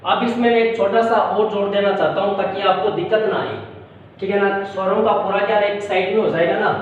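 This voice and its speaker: A high-voiced man teaches shorthand in a patient, repetitive way, often pausing to check that the class follows. He sounds distant and very echoey, with a dull tone and a faint hiss behind him. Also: steady tone. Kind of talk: classroom-style tutorial.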